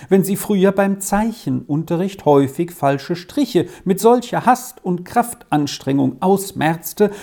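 A woman narrating a chapter of a storybook in an expressive, measured reading. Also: low-pitched. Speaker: audiobook narrator.

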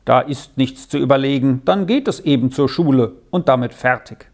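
A reader voicing a gruff, grumbling farmer father in a storybook, curt and dismissive. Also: mid-range voice, moderate pace, darkish tone, close to an everyday voice. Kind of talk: storybook narration.

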